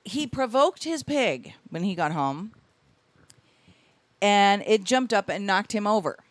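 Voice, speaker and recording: A woman co-hosting a casual podcast, reading out odd news stories with animated commentary. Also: medium pitch, slow pace, dry recording.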